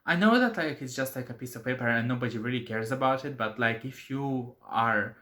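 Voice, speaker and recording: A man's voice: mid-range voice, fairly quick, sharp tone. A man hosting his own channel, giving his opinion in a casual, hesitant vlog with many fillers. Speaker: channel host.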